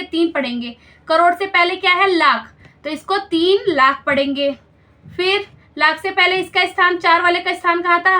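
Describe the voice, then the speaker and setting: A woman's voice: very high-pitched, pushed and bright. A woman teaching a school maths lesson step by step, patiently explaining and checking understanding with questions.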